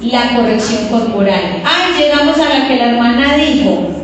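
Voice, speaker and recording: A woman's voice: a little high, normal speed, muffled recording, slight background noise. A woman preaching a sermon to a congregation, telling stories and calling her listeners "queridos". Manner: addresses listeners as "queridos", animated storytelling. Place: church hall. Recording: echoey hall from far off.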